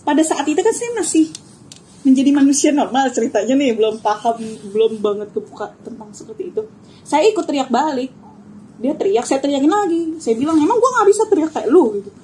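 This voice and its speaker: High-voiced young woman telling a story. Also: a little fast, a little hiss or hum, rough recording. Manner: animated, acts out her own shouts and screams; casual slangy speech. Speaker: guest telling her experience. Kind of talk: casual storytelling.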